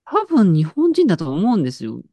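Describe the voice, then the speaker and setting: A woman's voice: lowish voice, wildly swooping pitch, brisk, warm tone, no echo. A woman in casual chat, telling an anecdote with lots of fillers and restarts. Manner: storytelling with frequent fillers and laughs.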